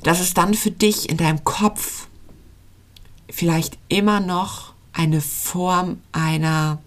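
A woman's voice: lowish voice, steady tone, slow pace. A woman coaching on intuitive eating in a podcast monologue, earnest and pleading as she speaks straight to the listener.

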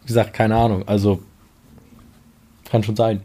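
A man's voice: lowish voice, flat delivery, moderate pace, warm tone, husky. A man from Germany co-hosting a podcast, talking casually and hesitantly with many restarts and fillers. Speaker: podcast co-host. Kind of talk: casual debate chat.

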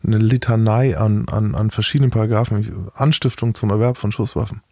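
A man's voice: fairly low pitch, a little fast, a little mellow, no echo. A middle-aged man speaking as an interview guest, talking frankly and matter-of-factly in a casual interview.

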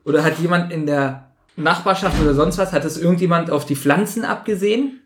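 A man with a somewhat high voice, talking casually on a podcast. He weighs small details and often pauses on fillers as he thinks. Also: slight background noise. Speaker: podcast co-host. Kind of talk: casual chat recapping an audio drama.

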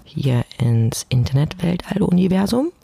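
In a lowish, sing-song voice that's gravelly and dark with a breathy edge, a woman casually hosts a podcast by herself at home. She speaks a little slowly, close to the microphone with no room sound, in a chatty, informal, self-deprecating way.

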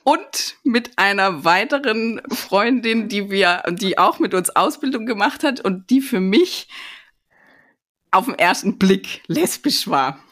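Woman as podcast host, unhurried and lively in pitch, chatty and telling stories. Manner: chatty, storytelling. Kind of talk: casual podcast interview.

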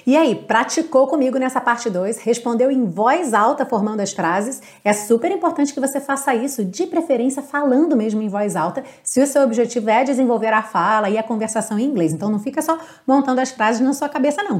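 A Brazilian woman teaching English online, explaining patiently and drawing out example words slowly. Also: on the high side, expressive, darkish tone. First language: Portuguese. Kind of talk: online English lesson on song lyrics.

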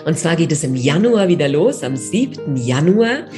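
A woman hosting a podcast interview, speaking in a measured, welcoming way. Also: deep voice, big pitch swings, music in the background. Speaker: podcast host.

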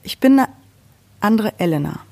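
A woman's voice: mid-range voice, animated, normal speed, gravelly, darkish tone. A woman chatting casually and frankly on a podcast, voicing firm opinions.

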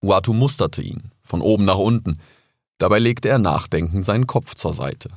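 A man with a low voice narrates an animal adventure. His delivery is animated and expressive, with lively pitch swings. The sound is close and dry. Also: moderate pace, dry recording. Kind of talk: audiobook story narration.

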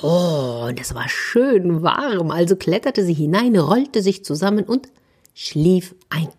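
A woman telling a children's story, softly, sometimes dropping to a whisper. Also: on the low side, animated, takes it slowly, husky. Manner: soft, with whispered asides.

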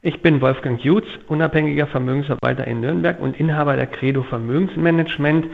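A man, host and asset manager, introducing himself in a relaxed, offhand way. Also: on the high side, fast talker, creaky. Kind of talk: self-introduction. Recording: tinny phone-like line.

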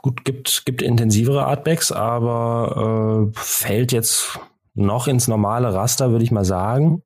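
A man's voice: mid-range voice, steady tone, measured pace, a little mellow, dry recording, clean studio sound. A man hosting a podcast in a casual, chatty way, open and friendly with his co-host and listeners. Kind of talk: casual whisky podcast chat.

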